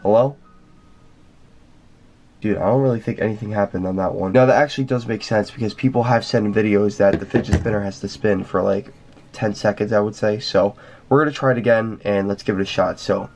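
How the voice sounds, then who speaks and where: A young man talking casually to his viewers in a vlog at home at night, excitable and slangy, sometimes dropping to a whisper. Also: lowish voice, brisk. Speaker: vlogger.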